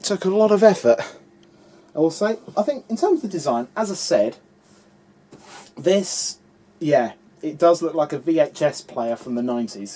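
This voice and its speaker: A man's voice: a little high, mellow, slightly rough. Chatty man unboxing on camera. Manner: chatty, talks to the camera and the objects he handles. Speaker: unboxing vlogger. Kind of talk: casual unboxing commentary to camera.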